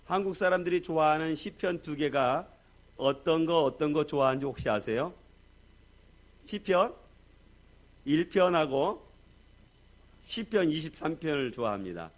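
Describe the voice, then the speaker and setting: Soft-spoken pastor with a fairly high voice. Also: male voice, animated, measured pace, long pauses. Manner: soft-spoken, many "uh" fillers, trails off quietly. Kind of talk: sermon.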